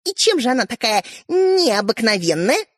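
A woman's voice: high voice, big pitch swings, moderate pace, a bit bright, no room sound, clean studio sound, pitched above the performer's own voice. A woman doing a bossy, scornful older sister. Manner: mocking, scolding. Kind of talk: audiobook character reading.

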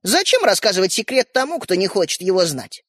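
An earnest, eager young boy, insisting in a bright lively voice, as a woman reading a storybook does him. The recording is dry and close. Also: mid-range voice, fairly quick, dry recording.

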